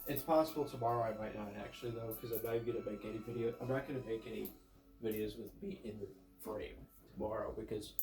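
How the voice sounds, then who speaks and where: A man's voice: on the low side, fairly even intonation, fast, darkish tone, soft background music. Stuffed-up man rambling in an echoey room. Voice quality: congested, stuffed-up nose. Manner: rambling, self-correcting, thinking aloud. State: has a cold with a stuffed, runny nose. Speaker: vlogger with a YouTube channel. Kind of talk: casual vlog chat.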